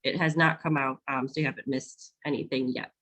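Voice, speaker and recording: A woman with an extremely low, steady, slightly bright voice hosts a virtual town hall on a video call as onboarding staff. Talking a little fast, she explains the onboarding steps in a friendly, casual manner with lots of ums.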